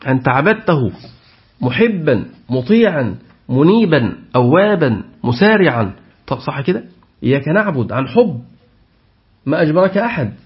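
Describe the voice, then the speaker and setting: Male teacher, tafsir lesson, quizzes students, higher voice, dull recording. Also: big pitch swings, normal speed, pauses often. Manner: asks the class questions and repeats their answers. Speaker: Quran teacher.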